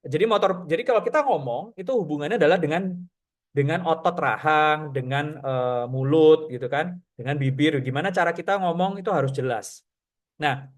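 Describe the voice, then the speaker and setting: A man teaching public speaking in a casual, chatty way, often pausing on fillers and acting out breathing and lip-trill exercises. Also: a little high. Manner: chatty, filler-heavy, demonstrates breathing and sounds; says he has a radio announcer's voice. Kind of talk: casual online workshop lesson.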